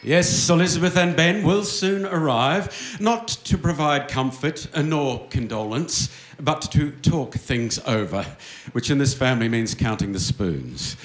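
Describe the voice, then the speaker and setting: On a theatre stage before an audience, a man narrates a live radio play in a wry, mock-grand style that imitates an old-time wireless announcer. His voice is slightly high and expressive, with a measured pace, and the recording sounds roomy.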